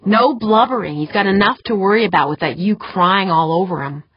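A woman's voice: fairly low pitch, measured pace, breathy edge, no echo. A woman voicing an anxious woman talking to herself about her partner. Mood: scolding. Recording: dull dry lo-fi recording.

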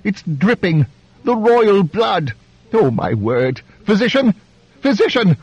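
A shrill, grating old duke. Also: male voice, very animated, slow, a little mellow, slightly rough, dry recording, lo-fi sound, full character voice. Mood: panicked. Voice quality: high, grating voice. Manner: shrill, flustered exclamations. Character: fussy high-voiced male duke, stooped and fawning.

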